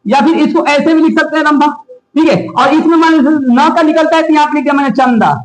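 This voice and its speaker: Man, teacher, high voice, keeps asking the class questions, echoey classroom. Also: fairly even intonation, fast. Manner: quizzing students with repeated questions. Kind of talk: classroom lesson.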